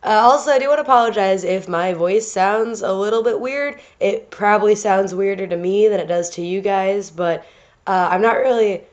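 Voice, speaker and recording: An art channel host with a stuffy nose talks casually over a drawing video in a medium-pitched voice at moderate pace. She rambles with lots of fillers and restarts, and the home recording is slightly dull and lo-fi.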